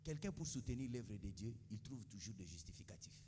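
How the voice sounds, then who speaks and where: A man's voice: on the low side, big pitch swings, brisk, noisy background. Man preaching in a reverberant hall. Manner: call-and-response preaching, swinging from quiet asides to shouts. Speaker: pastor. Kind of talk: sermon. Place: church.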